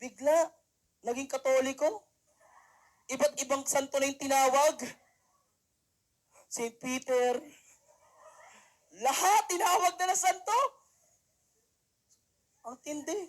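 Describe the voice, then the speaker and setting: Very high-voiced young man mentoring a crowd. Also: slow, long pauses. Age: young adult. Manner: animated storytelling, acting out quotes; peppers lines with rhetorical "di ba?". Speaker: mentor and motivational speaker. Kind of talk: motivational talk to a live audience.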